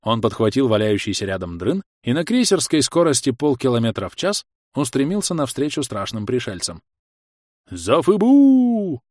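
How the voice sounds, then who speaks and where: A man's voice: medium pitch, very animated, a little fast, dry recording, studio quality. A man reading an audiobook in an ironic, dramatic storytelling manner. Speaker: audiobook narrator. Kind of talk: expressive audiobook narration.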